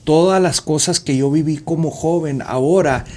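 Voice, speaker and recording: A man in his forties giving an earnest, halting personal faith testimony as a podcast guest, with frequent fillers. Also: fairly high pitch, warm tone. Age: 40s. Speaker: podcast guest, youth minister.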